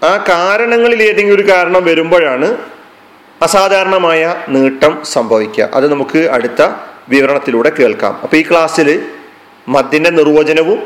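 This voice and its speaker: A man with a fairly high, slightly bright voice teaches a Quran recitation class, patiently explaining terms and repeating them. His delivery in this classroom lesson is full of fillers, restarts and hesitations, and the recording quality is low.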